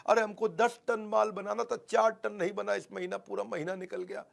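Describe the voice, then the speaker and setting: A man plays an anxious middle-aged factory owner in a role-play, his voice climbing high and loud as he reels off his complaints. The owner sounds worn down and harried. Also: little pitch movement, normal speed, vocal fry. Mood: anxious complaining. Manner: loud, rising, complaining rush.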